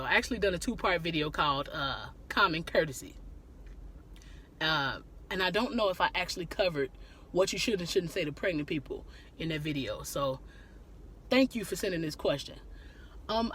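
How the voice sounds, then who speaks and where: A woman with a fairly low voice hosts a live stream, easygoing and chatty as she answers viewer questions. She laughs often and breaks off to greet viewers by name, with a little hiss or hum in the audio.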